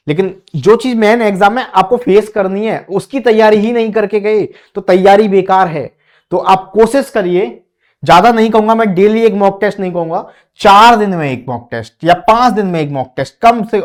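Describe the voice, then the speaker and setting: High-voiced coaxing exam teacher. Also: male voice. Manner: repetitive, coaxing, calls listeners beta. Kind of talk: motivational exam-prep lesson.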